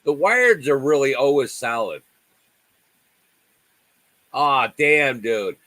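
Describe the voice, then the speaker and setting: A man's voice: medium pitch, very animated, slow, a bit bright, no echo, low-quality recording. Sixty-something man rambling on a livestream. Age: 60s. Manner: rambling, friendly, many restarts. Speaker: livestream host. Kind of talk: casual livestream chat.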